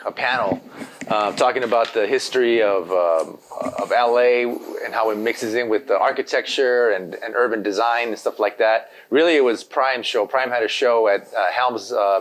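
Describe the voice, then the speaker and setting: This medium-pitched male voice carries a slight hiss or hum. He's a graffiti artist from Los Angeles, Spanish his first language, chatting loosely in an interview and rambling with plenty of "you know."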